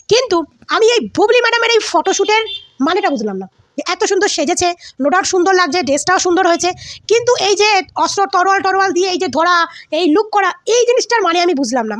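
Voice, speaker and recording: A woman's voice: very high-pitched, fairly bright tone, dry recording. A woman vlogger giving heated celebrity gossip commentary, scolding and insulting with lots of repetition.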